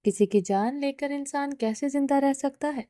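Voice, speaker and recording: Lady doing a young woman crying and begging, high mellow voice, dry audiobook read. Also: no room sound, lightly acted. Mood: tearful. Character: young woman, heartbroken and pleading.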